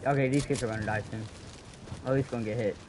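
A young man playing an online game with a friend, talking fast and animatedly and swearing when excited, on a headset. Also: mid-range voice. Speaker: gamer teammate. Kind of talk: casual gaming chat. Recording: noisy game audio behind.

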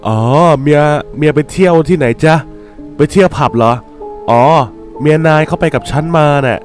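A young man giving casual, teasing commentary while playing a game, getting excitable at times. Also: on the high side, moderate pace, faint music behind. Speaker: gaming YouTuber.

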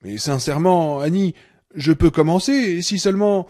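A man's voice: on the high side, moderate pace, warm tone, no room sound, clean studio sound, pitched above the performer's own voice, close to an everyday voice. Man doing a terrified captive writer begging. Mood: anxious pleading. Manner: pleading, desperate. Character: terrified injured male writer held captive.

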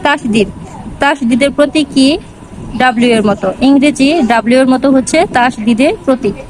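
A woman teaching Quran reading step by step, slowly repeating each syllable in drills. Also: high-pitched, noisy background. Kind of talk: step-by-step lesson.

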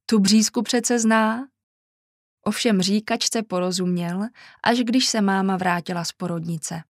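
Calm woman reading a children's story. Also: medium pitch, no echo, clean studio sound. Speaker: audiobook narrator.

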